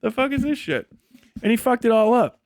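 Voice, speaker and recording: Responding to his chat during a livestream, a man delivers casual, unscripted remarks that are blunt, opinionated and laced with swearing. His voice is extremely high, animated and fairly quick, recorded without echo.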